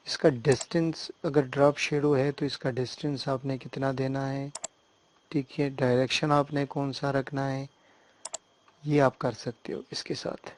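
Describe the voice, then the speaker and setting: A man giving a screen-recorded software tutorial, explaining step by step and often checking that the listener follows. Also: on the high side, a little hiss or hum. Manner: hesitant fillers and restarts while working on screen.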